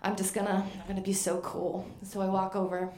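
Animated woman telling a comic story live. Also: mid-range voice, brisk, roomy sound. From Maine. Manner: animated, self-deprecating, acts out voices.

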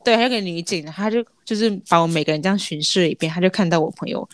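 A woman's voice: lowish voice, racing, no echo. A young woman with a Taiwanese accent chats casually as a podcast co-host, telling anecdotes and acting out the dialogue. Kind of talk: casual chat, storytelling.

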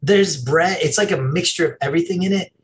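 A man's voice: a little high, fairly quick, crowd noise, rough recording. A middle-aged man co-hosting a podcast, swearing freely and rambling in casual chat. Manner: rambling, profane, laughs a lot. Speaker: podcast co-host.

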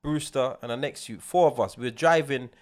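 A man's voice: medium pitch, a little fast. A man with a London urban roadman accent, telling stories casually on a podcast with emphatic street slang. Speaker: podcast co-host. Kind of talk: casual anecdotal chat.

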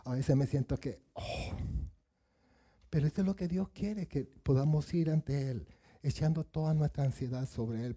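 Preacher, male, mellow husky tone, lively sermon that acts out the Bible voices. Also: fairly high pitch. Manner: asks the congregation questions, acts out Bible voices.

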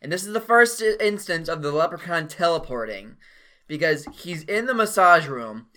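Man, bright forceful voice, slightly high, casual profane chat, laughing. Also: lively intonation, normal speed. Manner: profane, joking, laughs often. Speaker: podcast co-host. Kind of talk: casual movie recap chat.

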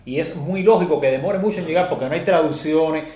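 A man's voice: fairly high pitch, quick pace, mellow, reverberant. A man arguing bluntly in a casual panel debate, hammering his points by repeating them.

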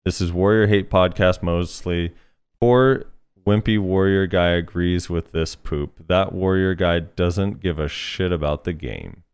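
A man's voice: deep voice, a little slow, clear, resonant tone. A man hosting a casual podcast, reading listener comments aloud in a laid-back way with plenty of fillers. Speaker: podcast host.

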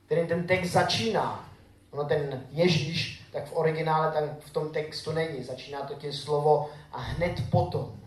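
A man's voice: a little high, steady tone. A male preacher giving a sermon, reading scripture aloud and asking the congregation questions. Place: church hall. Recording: echoey church room.

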